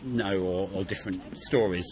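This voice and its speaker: A man chatting on a city walk, halting and restarting his sentences. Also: low voice, crowd noise. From England. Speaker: walk participant. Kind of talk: casual conversation while walking. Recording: outdoor street noise.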